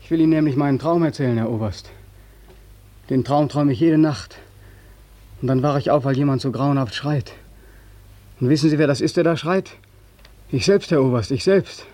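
A man playing a sleepless young soldier back from the war, in a 1940s radio play. His mid-pitched voice is worn out and bitterly ironic, and he keeps repeating the same form of address, wearily, like a refrain. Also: moderate pace, pauses often, warm tone, close to an everyday voice. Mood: haunted. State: exhausted.

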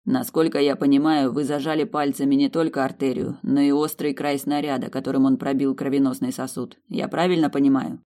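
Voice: medium pitch, level tone, brisk, hardly any pauses, dark tone, natural voice. A reader voicing a stern vampire man who gives firm orders and curses under pressure.

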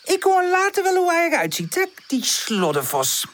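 A woman's voice: extremely high pitch, steady tone, extremely slow, pitched above the performer's own voice, heavily acted. A woman doing Buurpoes, a lazy teasing cat. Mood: mocking. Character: lazy mocking neighbour cat, female.

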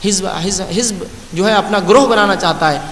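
A man preaching a sermon, slowly reciting scripture and then explaining it with repeated phrases. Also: high voice, fairly bright tone. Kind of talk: Urdu sermon with Quranic recitation. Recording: echoey hall with faint hiss.

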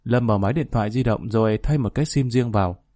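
A man narrates a story at a steady, even pace. His voice is warm and dark. The recording is close and dry. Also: mid-range voice, fast, no room sound. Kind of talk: audiobook story reading.

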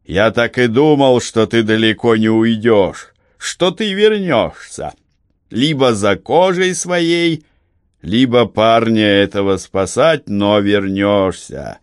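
A man voicing a smug, sneering Roman commander who talks slowly and mockingly in an audiobook. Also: on the low side, lively intonation, no echo, clean studio sound. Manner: sneering, drawn-out slow delivery.

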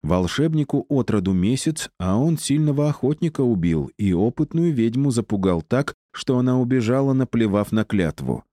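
A man's voice: medium pitch, animated, moderate pace, hardly any pauses, warm tone, dry recording, studio quality, pitched above the performer's own voice, natural voice. A man reading the part of a plump, charming male inquisitor priest with a metallic edge, probing and commanding. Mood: musing.

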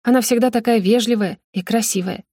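A woman's voice: on the high side, a little fast, warm tone, no room sound, clean studio sound, close to an everyday voice. Brief: a woman reading a flustered, defensive young maid, storybook.

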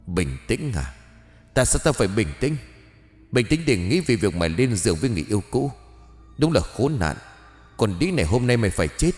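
A man voicing a cold, brutal husband who snarls threats quickly and with contempt. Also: on the low side, very animated, darkish tone, big-room sound, soft background music. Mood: cruel.

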